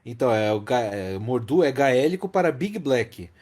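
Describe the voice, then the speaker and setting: Hosting a podcast, a Brazilian man discusses a film casually yet emphatically, repeating key phrases to drive them home. His mellow, soft-edged voice is sing-song, with much pitch movement, at a moderate pace.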